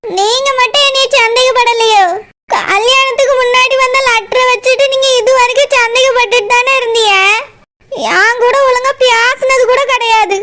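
Woman voicing a shrill tearful young cartoon wife. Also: steady tone, normal speed, noisy background. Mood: hurt. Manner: accusing, sobbing complaints. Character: tearful jealous young wife, quick to suspect. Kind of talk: cartoon voice acting.

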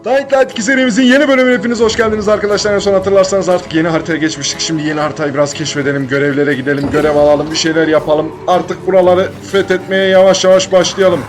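A young man giving casual let's-play commentary, joking, swearing and bantering at the game. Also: sits high. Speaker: gaming YouTuber.

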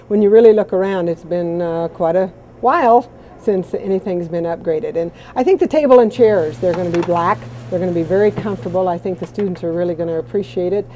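A woman's voice: fairly low pitch, brisk, few pauses, warm tone, slight background noise. A woman from a college foundation, talking enthusiastically and chattily on camera in a large indoor hall. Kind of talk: on-camera interview.

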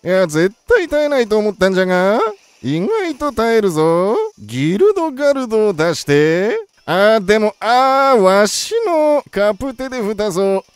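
Excitable streamer doing battle play by play, bouncy pitch, dry close mic, jokey old-man way of talking. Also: moderate pace, clean tone, no room sound, soft background music. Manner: excitable, talks through each move aloud; playful old-man speech style. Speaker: game streamer. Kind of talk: competitive battle play-by-play commentary.

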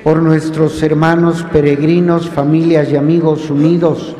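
A man reading the prayers of the faithful at Mass in a steady, formal way. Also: on the high side, measured pace. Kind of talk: liturgical reading. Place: large church. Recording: echoey church, long reverb, faint ambience.

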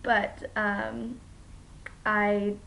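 Slow-talking tired young mom. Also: female voice, medium pitch, level tone, vocal fry, a bit bright, a little hiss or hum, poor audio. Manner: chatty and rambling, many ums and likes. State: tired from poor sleep. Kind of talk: casual home vlog update. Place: at home, toddler nearby.

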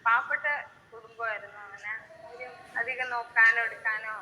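A young woman being interviewed, speaking softly and consolingly, with hesitant pauses. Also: fairly high pitch, steady tone, big-room sound, a little hiss or hum, poor audio. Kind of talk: emotional interview.

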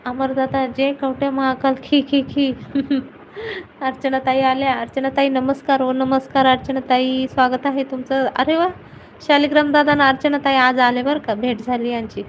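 A woman's voice: high voice, level tone, moderate pace, slight background noise, low-quality recording. A woman hosting a casual live stream, greeting viewers by name and teasing them playfully.

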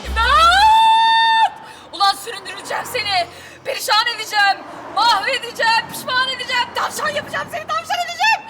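A brash, feisty young flight attendant, screaming and scolding in a shrill, frantic voice. Her very high voice rides over a loud music score and crowd noise. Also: fast talker. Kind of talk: sitcom comedy acting.

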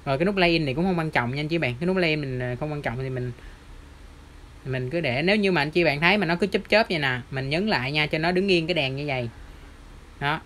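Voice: medium pitch, quick pace, fairly bright tone. Chatty Southern Vietnamese gear demonstrator. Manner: chatty, step-by-step, constant pointing words. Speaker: audio shop presenter. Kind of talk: product demo tutorial.

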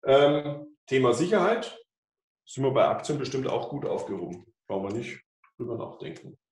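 A man's voice: mid-range voice, very animated, moderate pace, darkish tone. A man in his fifties, a financial advisor presenting at a whiteboard in an office, explaining with many fillers and restarts. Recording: echoey office, mic far off.

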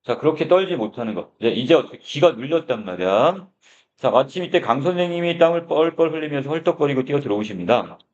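A man's voice: fairly high pitch, animated, fast, a little mellow. Man teaching Korean literature, dull recording. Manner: explanatory, asks the class questions, begins lines with "자". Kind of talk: reading a story aloud and explaining it in class.

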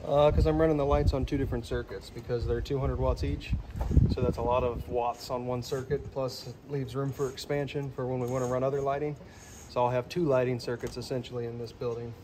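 A man's voice: medium pitch, little pitch movement, brisk. Practical man in his thirties, noisy barn. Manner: plain, practical, matter-of-fact. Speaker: DIY builder explaining his electrical work. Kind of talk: casual explanation while working. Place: inside a large pole barn. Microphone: phone camera held nearby.

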